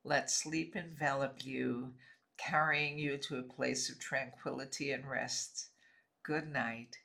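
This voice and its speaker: A man narrating a scripted sleep relaxation in a soothing, measured, lulling way, with short phrases and pauses. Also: medium pitch, fairly even intonation, gravelly, sharp tone.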